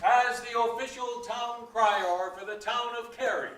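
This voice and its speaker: A man making a town crier's proclamation in a loud, ceremonial, theatrical old-fashioned manner, indoors in a council chamber. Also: very high voice, fairly even intonation, unhurried. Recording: echoey hall, far from mic.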